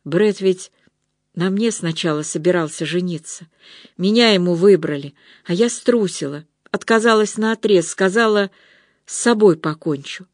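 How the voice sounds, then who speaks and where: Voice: mid-range voice, moderate pace, no echo, studio quality, natural voice. A reader voicing a distraught young woman full of guilt and envy, tearful and pleading in an audiobook. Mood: confessing. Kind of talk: audiobook reading.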